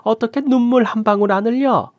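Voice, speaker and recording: A man's voice: very high-pitched, fairly quick, no echo, voice pushed up. A man voicing an outraged middle-aged mother-in-law, scolding and reproachful. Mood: outraged, accusing.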